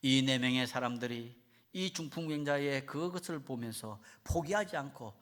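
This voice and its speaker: A man, a missionary, preaching a sermon and telling stories with lively delivery. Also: mid-range voice, normal speed. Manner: lively storytelling, acts out voices.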